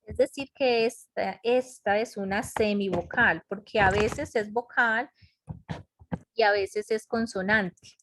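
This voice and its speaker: A woman's voice: mid-range voice, fairly even intonation, slow, fairly bright tone, a little hiss or hum. A woman teaching English grammar in an online class, explaining step by step and checking in with her students. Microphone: computer mic in a web conference.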